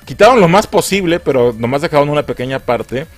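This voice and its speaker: A man's voice: a little high, lively intonation, a little fast, soft background music. A man with a Mexican accent giving a casual film review, using crude slang and mockery. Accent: Mexican Spanish.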